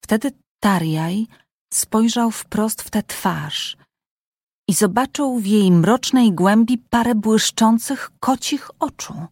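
Woman audiobook narrator, slow and measured, dry close sound. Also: a little high, animated, a little mellow, no room sound. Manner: measured, suspenseful reading.

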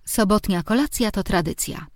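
A woman's voice: medium pitch, expressive, normal speed, no echo, studio quality, natural voice. A woman voicing a bossy, meddling mother who scolds and fusses at her grown children. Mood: fussing. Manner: scolding, insistent, fussing.

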